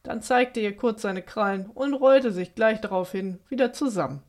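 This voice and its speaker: A woman's voice: medium pitch, lively intonation, moderate pace, a little mellow. Woman reading a children's story aloud.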